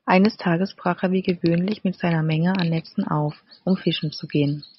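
A woman narrating a fairy-tale audiobook in an even, measured storytelling manner. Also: lowish voice, slight background noise. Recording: slightly dull, dry recording.

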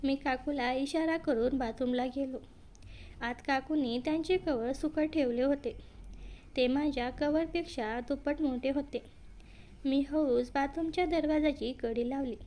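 High-voiced woman narrating a story. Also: steady tone, unhurried, dark tone. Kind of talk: first-person story narration.

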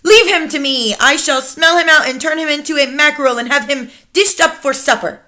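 A woman's voice: sits high, brisk, pushed and bright, pitched above the performer's own voice. A woman voicing the imperious, scornful leader of a coven of witches, in a commanding, declamatory manner.

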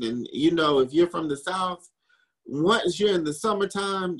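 A man's voice: medium pitch, rough recording. A man from the American South, a historical interpreter and chef, answering questions in a chatty way with frequent laughs and wry asides. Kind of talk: casual Q&A answers.

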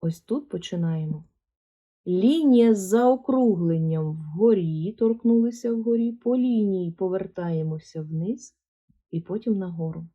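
A woman's voice: medium pitch, dark tone, muffled recording. A woman teaching a handwriting lesson to first graders, speaking patiently and drawing out words to show stress. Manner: slow, patient, sing-song coaching that stretches words to model stress. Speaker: primary school teacher.

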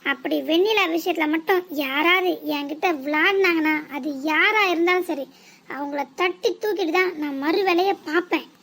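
A woman's voice: very high-pitched, moderate pace, a bit bright. A woman voicing a cold, scheming mother in a cartoon who boasts and threatens. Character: scheming wealthy mother plotting against a rival girl.

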